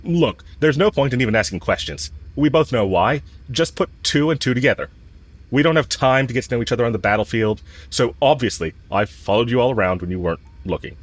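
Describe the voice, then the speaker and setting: In a romantic audio roleplay, a man plays a cocky, smitten villain who teases the listener and bluntly confesses his love. His medium-pitched voice is expressive and fairly quick, close to how he'd normally talk, and his tone is casual and frank.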